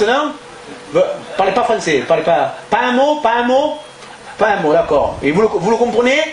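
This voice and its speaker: A man's voice: very high voice, slight background noise, exaggerated voice. A man doing a brash Toulon restaurant boss. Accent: Toulon, southern French. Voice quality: loud, brash, swaps fake charm for insults. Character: crude loudmouth male restaurant owner from Toulon. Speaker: stand-up comedian. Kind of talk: live stand-up sketch. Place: theatre stage before an audience. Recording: echoey live hall.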